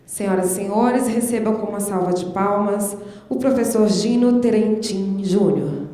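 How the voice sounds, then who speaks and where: A woman announcer reads a formal introduction to open a conference session. Her voice is mellow and rings through a large hall with a long echo. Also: medium pitch, moderate pace, slight background noise. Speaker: event announcer. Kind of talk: scripted introduction. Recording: echoey hall with long reverb.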